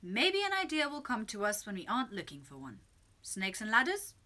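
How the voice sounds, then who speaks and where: A woman voicing a kind, eager middle-aged father in a read-aloud children's story, with animated delivery. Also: on the high side, moderate pace, full character voice. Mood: suggesting.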